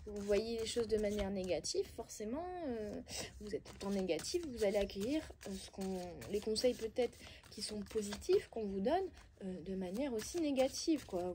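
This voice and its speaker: A woman with a Belgian French accent reads oracle cards in a relaxed, chatty guidance session, nudging her viewers bluntly and hesitating often. Her voice sits in a mid register with a soft, mellow tone. A faint hiss lies under the recording. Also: mid-range voice. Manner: talks straight to viewers, coaxing and blunt, with frequent hesitations. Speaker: oracle card reader. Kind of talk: casual spiritual card-reading guidance.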